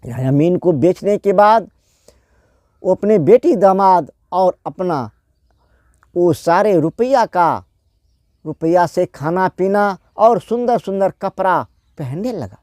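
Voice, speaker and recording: A man's voice: sits high, animated, slow, a little mellow, no echo, clean studio sound. A man telling a folk tale in a plain, repetitive way, often restarting phrases. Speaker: storyteller.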